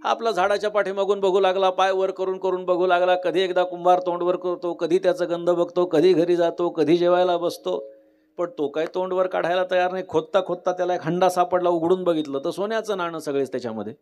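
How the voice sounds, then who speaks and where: A man preaching a devotional kirtan sermon, telling a story in a lively way and acting out the dialogue. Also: high-pitched, fairly quick. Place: live kirtan gathering.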